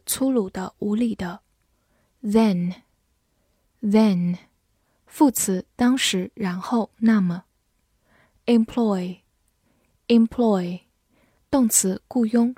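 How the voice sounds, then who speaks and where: A woman teaching English vocabulary, saying each word twice and then listing its meanings in a measured reading. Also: mid-range voice, mellow, slightly rough, no echo, studio quality.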